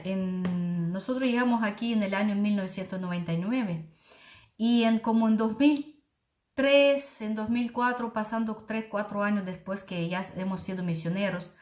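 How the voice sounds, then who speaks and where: A woman's voice: mid-range voice, reverberant. Earnest middle-aged woman giving testimony. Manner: earnest, heartfelt, addresses listeners as brothers and sisters. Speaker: missionary preacher. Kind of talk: personal testimony to a congregation.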